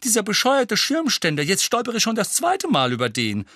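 A man's voice: high voice, wildly swooping pitch, normal speed, pushed and bright, dry recording, studio quality, pitched above the performer's own voice, heavily acted. Man doing a clumsy whiny young witch. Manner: whiny apologizing.

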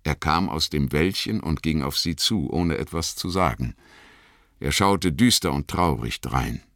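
Deep, expressive male audiobook narrator. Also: a little slow, dry recording, studio quality. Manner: expressive, dramatic reading. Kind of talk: scripted narration.

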